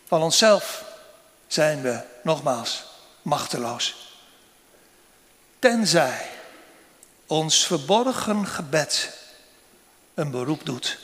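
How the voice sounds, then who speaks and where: A man preaching a sermon to a congregation, slow and solemn, with long pauses between phrases. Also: a little high, big pitch swings, fairly bright tone. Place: church. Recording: long church reverb.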